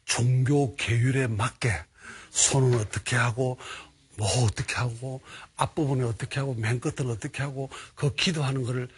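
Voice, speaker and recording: A man giving a lecture, telling a humorous story in lively, colloquial speech. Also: mid-range voice, normal speed, slight background noise.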